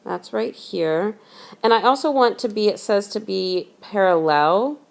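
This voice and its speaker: A woman tutor explains a math lesson step by step in a steady, methodical way. She slows down and repeats the important rules so listeners can take notes. Her voice sits at an ordinary middle pitch. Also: vocal fry. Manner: patient, methodical explaining, repeats key points slowly.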